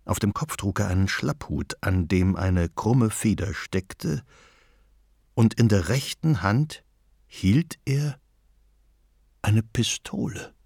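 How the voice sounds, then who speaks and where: A man narrating a children's storybook in a slow, deliberate storytelling manner. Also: lowish voice, expressive, vocal fry, a little mellow, husky, dry recording, clean studio sound.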